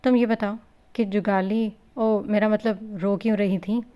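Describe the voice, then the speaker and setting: A woman's voice: mid-range voice, fairly even intonation, measured pace, warm tone, smooth, natural voice. A woman reading the part of an affectionate, joking young husband in a storybook reading.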